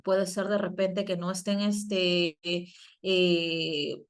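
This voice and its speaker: A Peruvian psychologist giving a virtual class on a video call, often asking the class questions and using many fillers and tag questions. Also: female voice, lowish voice, flat delivery, takes it slowly. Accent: Peruvian Spanish. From Peru. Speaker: psychologist and teacher.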